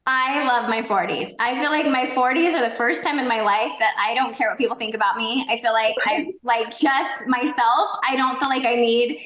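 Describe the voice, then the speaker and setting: A woman's voice: on the high side, moderate pace, few pauses, a bit bright. Chatty woman in her forties, roomy echo. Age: 40s. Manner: candid, chatty, frequent "like". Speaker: guest, makeup seller. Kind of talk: casual interview chat.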